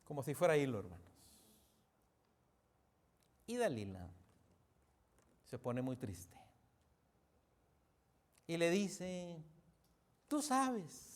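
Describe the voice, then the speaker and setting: Slow, high-voiced man preaching. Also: very animated. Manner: slow and emphatic, often calling out to the congregation; drops suddenly to a quiet, hushed delivery. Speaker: pastor. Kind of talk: sermon.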